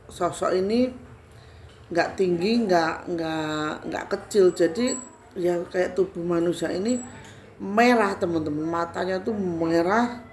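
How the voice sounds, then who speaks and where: A Javanese-accented woman from Central Java narrates a frightening encounter in a casual vlog. Her voice sits fairly low, and she repeats words as she builds the story. A faint hiss runs underneath. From Central Java, Indonesia. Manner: animated, repetitive storytelling. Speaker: spiritual healer vlogger.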